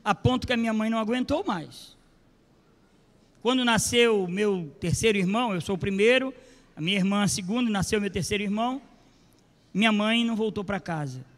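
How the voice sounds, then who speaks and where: An older male pastor telling his own life story in a sermon, animated and acting out the quotes. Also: high-pitched, brisk. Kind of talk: sermon testimony. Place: church. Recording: long church reverb.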